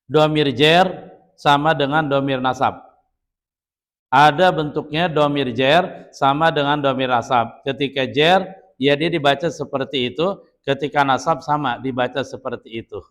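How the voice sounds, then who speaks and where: A man's voice: mid-range voice, fairly bright tone. Indonesian man teaching grammar to a class. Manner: drills students with questions and answers, repeats terms slowly. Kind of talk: classroom lesson. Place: Islamic boarding school classroom.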